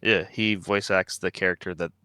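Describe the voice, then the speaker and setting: A man's voice: deep voice, fairly even intonation, moderate pace, a crowd in the background. A man talking as a guest on a casual podcast, dry and brushing off teasing. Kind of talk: casual chat.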